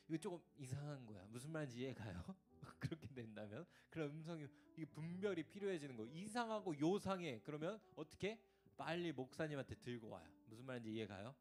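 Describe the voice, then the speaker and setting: A man leads a youth church Q&A as pastor, explaining in a relaxed, chatty manner. He keeps asking whether his young listeners understand. Soft music plays faintly behind him. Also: mid-range voice. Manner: keeps checking that listeners follow; acts out short quoted voices and examples. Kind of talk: casual teaching in a Q&A session.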